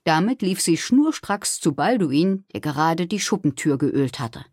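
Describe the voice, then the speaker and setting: A woman narrating a children's story in a lively, expressive storytelling voice. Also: low voice, unhurried, husky, no echo, studio quality. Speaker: audiobook reader.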